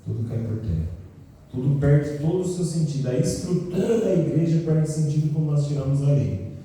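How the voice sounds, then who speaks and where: A man's voice: fairly high pitch, fairly quick. Man teaching a church class in an echoey hall. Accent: Brazilian Portuguese, São Paulo. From São Paulo state, Brazil. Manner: asks the class questions and answers them, animated storytelling. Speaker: Sabbath school teacher. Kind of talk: church Bible lesson with questions to the class. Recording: echoey hall recorded from a distance.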